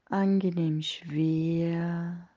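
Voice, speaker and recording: With a lowish voice and fairly even intonation, a woman leads a guided meditation, soft, breathy and partly whispered. Her hushed, soothing phrases are separated by long pauses, and the sound is lo-fi.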